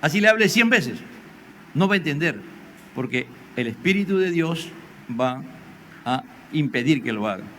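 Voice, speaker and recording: Older Peruvian pastor preaching conversationally. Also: male voice, fairly high pitch, sing-song, normal speed, long pauses, fairly bright tone. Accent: Peruvian Spanish. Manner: conversational preaching with frequent rhetorical "¿no?"; acts out biblical dialogue in raised voice. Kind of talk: sermon. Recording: faint background noise.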